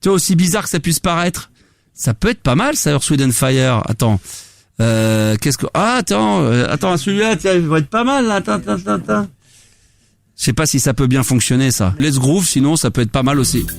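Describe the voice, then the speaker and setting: A man's voice: on the high side, big pitch swings, a little fast, creaky. A man hosting a free-form radio show from a studio, talking in a rambling, hesitant, chatty way with casual swearing. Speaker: radio host.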